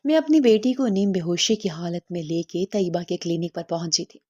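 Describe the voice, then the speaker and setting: A woman's voice: fairly low pitch, dark tone, slightly rough, lo-fi sound. A woman narrating an emotional first-person story as a mother, in a scripted storytelling style.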